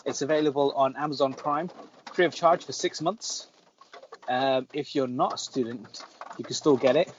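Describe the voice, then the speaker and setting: Upbeat man on a lo-fi podcast. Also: medium pitch. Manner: upbeat, prompting, quick to laugh. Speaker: podcast co-host. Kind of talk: casual chat. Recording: dull lo-fi with faint noise.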